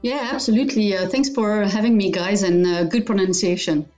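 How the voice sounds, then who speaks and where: A woman's voice: medium pitch, fairly quick, a little mellow, soft background music. Confident woman, a podcast guest. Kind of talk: casual podcast chat.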